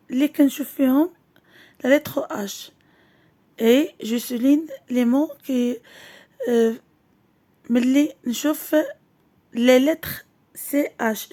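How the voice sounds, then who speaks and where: Woman teacher, high and mellow voice, slow and deliberate, repeats each word. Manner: switches between French and Arabic. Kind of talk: slow classroom lesson.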